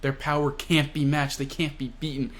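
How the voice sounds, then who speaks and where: A man's voice: on the high side, flat delivery, normal speed, close to an everyday voice. Man doing a heated, arrogant pirate. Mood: scornful. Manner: blustering, scornful. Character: arrogant angry male pirate, heated and boastful.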